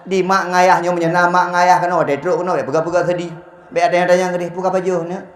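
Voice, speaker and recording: A man's voice: sits high, fast talker. A man, preaching a humorous sermon and acting out the people in his stories. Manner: animated storytelling, acts out quoted voices. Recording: echoey hall with faint ambience.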